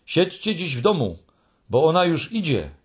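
A man doing a calm, caring female creature. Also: a little high, normal speed, voice pushed up. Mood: earnest. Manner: earnest warning tone.

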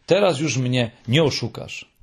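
A man voicing a small, excitable young male troll in a raised, eager voice, in an audiobook reading. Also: medium pitch, measured pace, husky. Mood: dreamy.

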